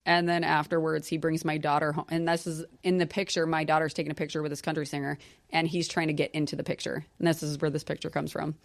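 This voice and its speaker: A woman's voice: deep voice, level tone, fast talker, gravelly, no room sound, clean studio sound. A woman in her thirties, a podcast guest, rambling through personal stories with lots of "or whatnot" fillers. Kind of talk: casual podcast chat.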